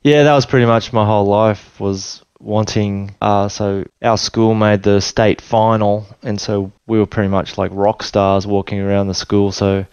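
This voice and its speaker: A man in his forties with an Australian accent, a guest telling his life story in a relaxed, rambling way full of restarts. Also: on the low side, moderate pace, few pauses, clear, resonant tone, no room sound, lo-fi sound. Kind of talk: casual storytelling interview. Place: his home.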